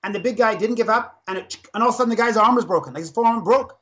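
A man in his fifties, a dentist and fitness speaker, talks very fast in a voice that sits high. In a podcast interview, he tells stories with energy and animation.

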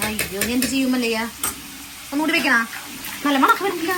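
A woman's voice: sits high, very animated, quick pace, background noise. A young woman vlogging casually on a handheld phone, chatty as she talks to her viewers. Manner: chatty, addresses viewers as guys. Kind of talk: casual vlog chat. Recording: clear crowd chatter behind.

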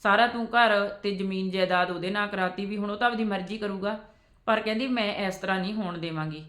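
A woman's voice: medium pitch, fast, fairly bright tone, reverberant. A woman telling a family story aloud, with frequent "she says" tags in a chatty way. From Punjab. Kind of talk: spoken storytelling with quoted dialogue.

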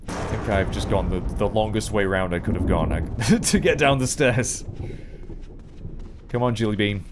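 A man's voice: on the low side, normal speed, noisy background. A man in his thirties giving casual, jokey, sweary let's play commentary, thinking aloud as he goes. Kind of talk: casual horror game commentary.

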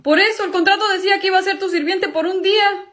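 Girl doing a whiny high teen boy, protesting, earnest, skit comedy. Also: fast, a bit bright. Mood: indignant. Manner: pleading, protesting. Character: indignant, earnest teenage boy, put-upon younger brother.

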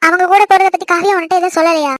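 A woman voicing an emotional young married sister in an animated cartoon, pleading and tearful. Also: very high-pitched. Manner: pleading and tearful, quick chatter.

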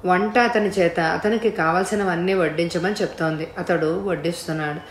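A woman's voice: fairly low pitch, steady tone, moderate pace, a little hiss or hum. Woman reading a story, roomy sound. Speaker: audiobook narrator. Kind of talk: storybook narration.

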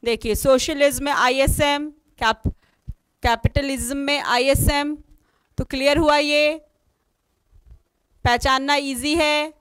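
A woman's voice: sits high, steady tone, takes it slowly, long pauses, a bit bright, no echo. A woman teaching an online exam-prep lesson, spelling words out letter by letter and asking questions she then answers herself. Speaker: English teacher.

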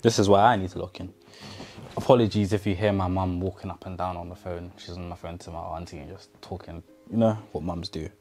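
He speaks with a deep, flat, darkish voice at a brisk clip, faint music in the background. This motivational vlogger in his twenties addresses the camera earnestly from his bedroom, wearing a clip-on lapel mic.

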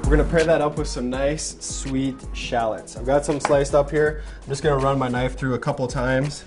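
Cooking in his home kitchen, a young male host narrates each step in a relaxed, casual way. He speaks at a moderate pace in a medium pitch, while loud music plays behind him and a pan fries and sizzles.

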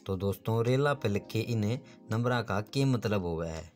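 A man's voice: fairly low pitch, animated, normal speed, a little mellow, faint music behind. A man with a Haryanvi accent giving a folksy, casual explainer voice-over, often turning to his listeners as friends. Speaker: host of an explainer channel.

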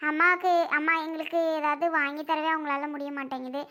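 A woman playing a soft-spoken teenage girl who talks earnestly about giving up school for her family. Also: sits high, fairly even intonation, fairly quick, pitched below the performer's own voice. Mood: subdued. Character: quiet teenage girl, responsible and self-sacrificing. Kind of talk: family skit acting.

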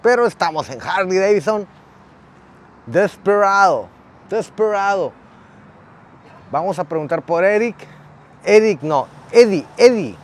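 A man from Mexico, joking and excitable as he hosts his motorcycle vlog. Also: high voice, moderate pace. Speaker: motorcycle vlogger. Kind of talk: casual vlog commentary.

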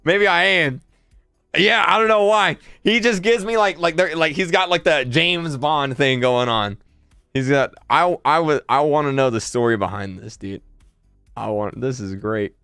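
An excitable young man in his twenties chats through a livestream and laughs easily. He stumbles and repeats himself as he reacts. His voice sits a bit high and is recorded close and dry, with faint music behind him. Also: measured pace, gravelly, smooth, dry recording. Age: 20s. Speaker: livestream host. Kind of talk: casual livestream chat.

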